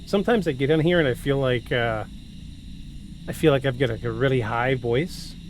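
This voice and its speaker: This podcast host, a man in his forties, alternates scripted narration with casual banter full of jokes at his own expense. He speaks at normal speed in a medium pitch, over a faint hiss or hum.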